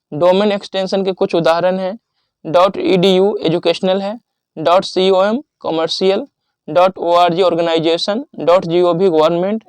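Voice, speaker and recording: A man teaching exam revision, reading out word lists and rules in a steady listing manner with pauses. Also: sits high, clean tone, dry recording.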